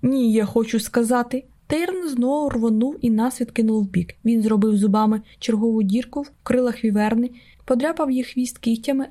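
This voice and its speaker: A woman's voice: on the high side, mellow. A woman narrating an audiobook in a tense, urgent way.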